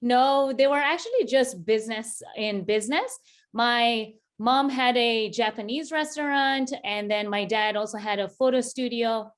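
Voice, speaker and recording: A woman's voice: on the high side, measured pace. Kenyan-born woman in her thirties, casual interview guest, easygoing, laughs a lot. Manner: relaxed, laughs often, many fillers. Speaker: interview guest, business founder.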